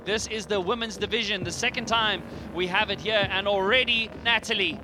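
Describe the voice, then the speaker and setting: A man commentating a live extreme sports event, excitable and quick to shout when a trick lands. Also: sits high, background noise.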